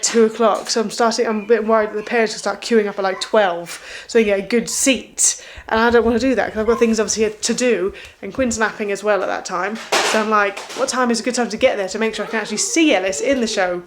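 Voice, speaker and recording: A woman's voice: medium pitch, fast talker, background noise. A woman, a mum of two, rambling through her day in a casual vlog with lots of "like". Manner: rambling, chatty, fillers of "like". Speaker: vlogger mum.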